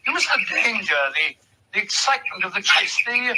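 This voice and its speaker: Loyal doctor-storyteller, avuncular and genial; very high male voice, noisy old radio. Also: expressive. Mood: fondly teasing. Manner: avuncular, chatty, measured storytelling. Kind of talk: old-time radio drama acting.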